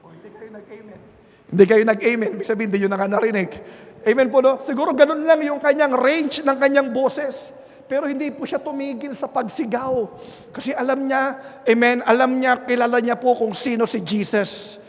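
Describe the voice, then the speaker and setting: A Filipino-accented man preaches into a handheld microphone in a church sanctuary, his voice pitched very high for a man. He keeps checking in with the congregation by asking "Amen?", shifting between soft, earnest stretches and loud, emphatic ones. His voice rings with the long reverb of the hall. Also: fairly quick. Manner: punctuates nearly every phrase with "Amen?" to the congregation. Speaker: pastor. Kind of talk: bilingual Sunday sermon.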